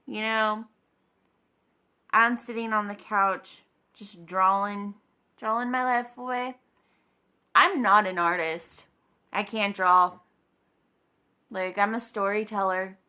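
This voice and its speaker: A woman's voice: mid-range voice, steady tone, slow, pauses often, bright, forceful tone, clean tone. A woman vlogger telling a story in a casual, chatty way, full of "like" and acted-out quoted dialogue.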